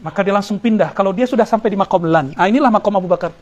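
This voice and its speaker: A man's voice: sits high, racing. Casual male preacher. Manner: conversational, jokes with the audience, quotes Arabic verses. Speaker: Islamic preacher. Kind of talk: religious study lecture.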